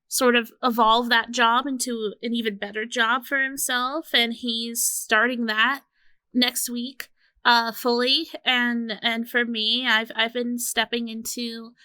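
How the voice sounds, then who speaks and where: A woman's voice: a little high, flat delivery, unhurried, bright, forceful tone, clear, resonant tone, no echo. A woman in her late twenties co-hosting a podcast, talking reflectively in casual chat and often restarting her phrases. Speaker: podcast co-host.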